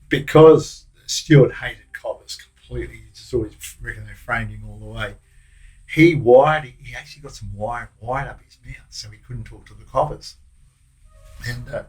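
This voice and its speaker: An older Australian former prison officer recalling stories in a loose, rambling way with plenty of restarts. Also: male voice, medium pitch, poor audio. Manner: rambling, broken anecdotes with many restarts. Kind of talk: casual recollection.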